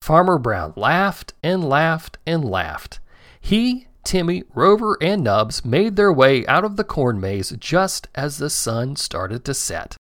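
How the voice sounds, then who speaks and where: Man, children's story narrator, gentle and expressive, lively intonation, dry close sound. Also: mid-range voice, no room sound.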